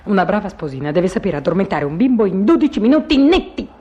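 An actress playing an eager, doting young wife in a radio comedy sketch, sugary and full of English pet names. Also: female voice, mid-range voice, big pitch swings, quick pace, dark tone, muffled recording, close to an everyday voice. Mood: earnest.

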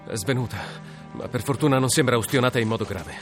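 An actor playing a steady, earnest male detective. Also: medium pitch, fast, over music, lightly acted. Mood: calm. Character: calm determined male detective. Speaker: detective Dylan.

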